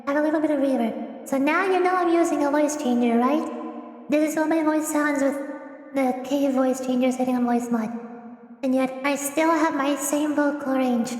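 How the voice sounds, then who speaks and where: A woman's voice: high voice, moderate pace, darkish tone. Woman through a cave voice changer. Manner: chatty, trails off and restarts while fiddling with settings. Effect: cave voice changer with added reverb. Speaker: streamer. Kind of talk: casual game stream chat.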